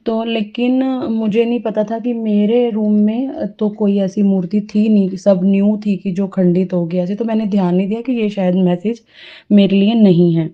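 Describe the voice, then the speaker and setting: A woman's voice: mid-range voice, flat delivery, moderate pace. A middle-aged woman sharing a personal devotional experience in an earnest, rambling, reverent way. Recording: dull lo-fi audio.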